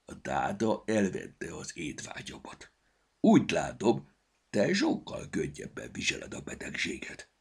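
A man's voice: sits low, huge pitch swings, creaky, husky, full character voice. A man voicing a sick little male goblin with a cold, speaking with a blocked nose and grumbling. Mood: grumpy. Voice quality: stuffy blocked-nose speech. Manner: grumbling, tired. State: congested with a cold.

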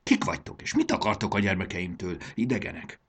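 A man voicing a suspicious young male gurgó father in a storybook reading, speaking loudly and accusingly. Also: on the low side, wildly swooping pitch, slightly rough, heavily acted. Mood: hostile. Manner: loud and accusing. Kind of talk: audiobook character voice.

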